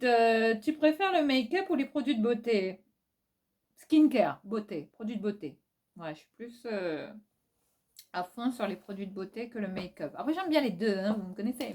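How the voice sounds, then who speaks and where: A woman's voice: fairly high pitch, a little mellow. A woman with a Réunionese accent, casually answering viewer questions in a vlog, frank and teasing, laughing often as she talks. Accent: Réunionese French.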